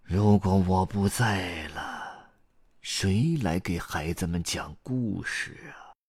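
A man voicing a tired, tearful old grandfather storyteller who talks slowly and sighs. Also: lowish voice, lively intonation, no room sound, clean studio sound, pitched above the performer's own voice. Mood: weary. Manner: slow, sighing, exhausted.

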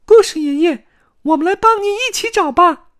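A man voicing an excited young girl, very high and shouting. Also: normal speed, dry recording, studio quality. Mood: eager.

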